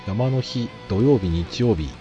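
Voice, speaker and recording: A man's voice: fairly low pitch, expressive, measured pace, lo-fi sound, over music. A middle-aged man chatting casually as a podcast co-host. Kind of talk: casual chat.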